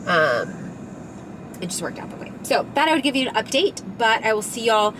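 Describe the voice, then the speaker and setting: Poor audio with a faint hiss or hum carries a fairly high, somewhat bright female voice that swings widely in pitch at a normal pace. The young lifestyle vlogger is recovering from a cold and sounds slightly nasal, chatting in a rambling way full of fillers.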